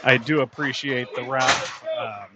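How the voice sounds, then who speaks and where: A man doing running play-by-play commentary for a youth hockey game, steady in tone and rising sharply on shots. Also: medium pitch, a little slow, over loud music. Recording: noisy arena ambience.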